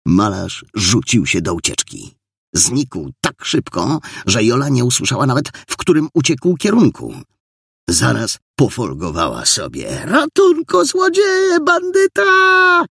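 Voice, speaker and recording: A man's voice: lowish voice, huge pitch swings, measured pace, creaky, husky, no room sound, clean studio sound. A man narrating an audiobook with dramatic storytelling. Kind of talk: scripted narration.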